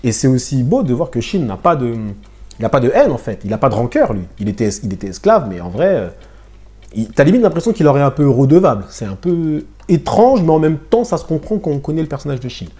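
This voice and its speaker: A man's voice: medium pitch, quick pace. A man reviewing a manga chapter in casual slangy talk, addressing his viewers directly. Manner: animated, slangy, talks to viewers.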